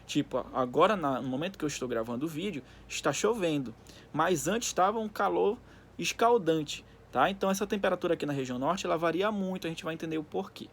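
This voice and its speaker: Higher-voiced man dictating a lesson. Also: expressive, fast, creaky. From Brazil. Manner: didactic, dictating textbook lines in segments with frequent check-in tags. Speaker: school geography teacher. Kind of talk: recorded lesson, reading from a textbook and explaining.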